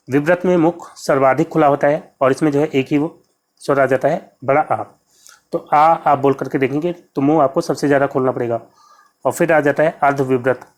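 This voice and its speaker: A man's voice: fairly high pitch, darkish tone. A man teaching an exam-prep lesson, patiently explaining answers and repeating key terms as he addresses viewers as friends. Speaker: Hindi exam tutor.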